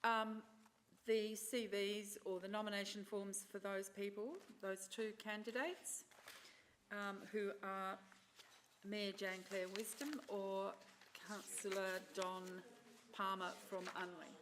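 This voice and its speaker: A woman's voice: mid-range voice, little pitch movement, takes it slowly, a bit bright, slight background noise. A woman council officer pointing out papers and giving ballot instructions, hesitant and searching as she talks. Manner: hesitant, searching through pages with fillers. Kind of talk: formal council meeting procedure. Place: council chamber.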